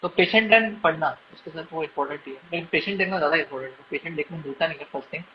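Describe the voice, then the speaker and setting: A young man answering interview questions as a guest doctor, explaining steadily with English phrases mixed in and pausing on fillers. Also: a little high. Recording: muffled lo-fi with faint noise.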